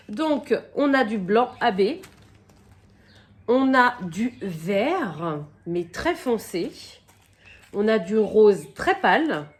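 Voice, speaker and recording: A woman chatting casually through an unboxing, her voice a little croaky from a cold, filling pauses with "donc" and "euh" and stopping now and then to cough. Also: medium pitch. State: has a cold, slightly croaky voice. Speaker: crafting vlogger.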